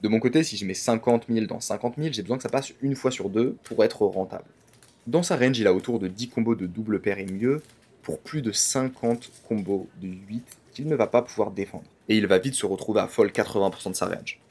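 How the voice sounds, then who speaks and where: A man's voice: lowish voice, a little fast, darkish tone. Man narrating his poker hands. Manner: analytical, mixes English poker jargon. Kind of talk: storytelling vlog narration.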